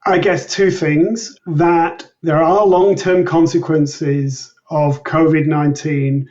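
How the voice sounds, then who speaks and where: A medical researcher, interviewed as an expert guest, gives careful and precise explanations. His voice is fairly high with a darkish tone, heard over a distant, dull, lo-fi remote line.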